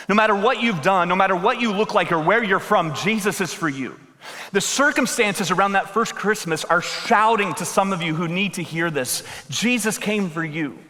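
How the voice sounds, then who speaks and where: A man preaching into a pulpit microphone, his voice sitting a little high. The sound carries a long reverb from a large hall. He talks in a loose, joking way and rises into emphatic calls to his listeners. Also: a bit bright. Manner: conversational and joking, building to emphatic appeals. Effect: speaking into a pulpit microphone. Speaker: pastor. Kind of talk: sermon. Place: church sanctuary.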